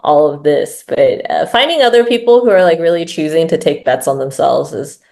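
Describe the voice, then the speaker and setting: A woman with a low voice and a gravelly, creaky edge. She talks casually as an interview guest, chatty and loose, with frequent fillers. She often checks in with tag questions. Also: animated, fairly quick, a little mellow. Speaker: growth lead, interview guest.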